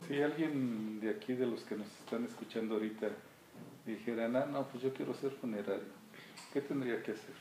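A man hosting a cultural interview, asking short questions and answering with steady acknowledgments. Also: medium pitch, a little fast, reverberant, a little hiss or hum, rough recording. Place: small art-filled room indoors.

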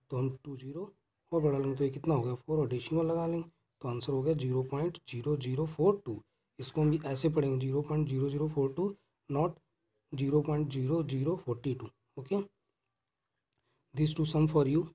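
A man's voice: a little high, warm tone, husky. A man teaching math, talking through each step, asking questions and then answering them, and mixing Hindi with English phrases. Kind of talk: explaining math steps.

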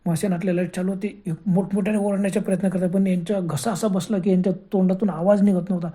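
A woman's voice: mid-range voice, fairly even intonation, quick pace, warm tone, breathy edge. A woman narrating a horror story with a dramatic, repetitive telling.

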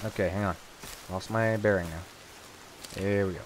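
A man's voice: fairly low pitch, steady tone, moderate pace, noisy background. A man hosting a gaming video, chatting casually with his co-op partners as he plays. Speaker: host of a gaming video series. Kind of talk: casual co-op gameplay chat.

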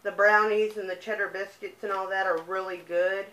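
Her voice is mid-range, level and sharp, with a little hiss or hum underneath. This young vlogger, who has a lisp and a speech impediment, strolls through her shopping haul in a chatty, relaxed show-and-tell, and the room echoes.

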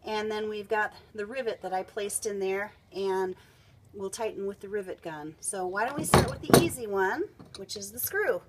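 A woman giving a step-by-step product installation demonstration, explaining clearly as she works with tools beside a kayak. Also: mid-range voice, normal speed, heavy background noise. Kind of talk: instructional how-to demonstration.

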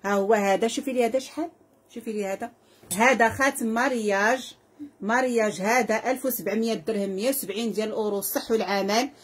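Husky fast-talking Moroccan saleswoman. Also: a little high, fairly even intonation. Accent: Moroccan Arabic. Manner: effusive, repetitive, calls out prices and blessings to viewers. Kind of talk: live sales pitch.

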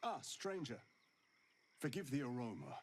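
A wandering monster hunter in a fantasy game, weary of the world and dry in his humour. He talks with a sardonic edge, his pitch rising and falling freely. His voice sits in a middle register. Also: huge pitch swings, a little slow, slight background noise. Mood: wry. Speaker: game character. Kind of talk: video game voice acting.

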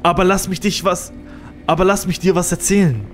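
A man's voice: high-pitched, fairly even intonation, fairly quick, soft background music, close to an everyday voice. A man voicing a menacing male stalker who pleads falsely and then threatens. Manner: sneering, threatening, falsely friendly.

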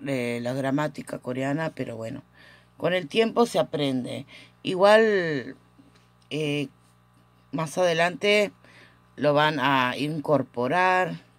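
A woman teaching a casual language lesson at home, patiently repeating each example with frequent "eh" pauses. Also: fairly low pitch, dry recording.

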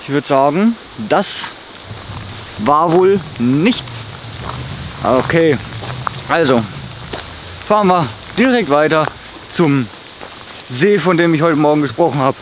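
A man's voice: fairly high pitch, takes it slowly, pauses often, a little hiss or hum. A young man vlogging a road trip outdoors, talking casually to a handheld camera and chuckling now and then. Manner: relaxed, chuckles between remarks. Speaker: travel vlogger. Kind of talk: casual travel vlog. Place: outdoors by a car and in woods. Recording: background music under the voice. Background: music.

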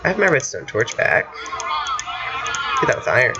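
A man's voice: medium pitch, huge pitch swings, moderate pace. A man giving casual, rambling commentary to himself while playing a video game, now and then boasting. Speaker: gamer. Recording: dull lo-fi mic with faint hiss.

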